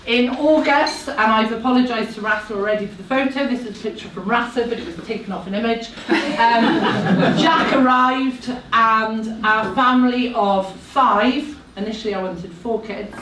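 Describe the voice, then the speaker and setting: A woman's voice: on the high side, normal speed, hardly any pauses. A woman in her thirties tells a personal story to a live audience. She talks in a chatty, slightly nervous way and drops self-deprecating asides as she goes. She is picked up from a distance in an echoey room, over faint background noise. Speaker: speaker at a live talk event.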